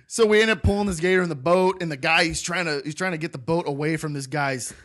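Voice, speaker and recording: A man co-hosting a casual podcast, telling a long story in a rambling, animated way with frequent laughter. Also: a little high, quick pace. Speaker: podcast co-host.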